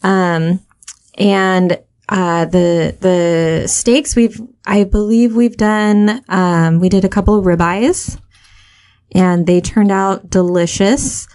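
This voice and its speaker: A woman's voice: medium pitch, steady tone, slow, darkish tone, clear, resonant tone. Rambling woman telling a story. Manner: rambling, many fillers and restarts. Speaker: podcast co-host. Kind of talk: casual storytelling chat.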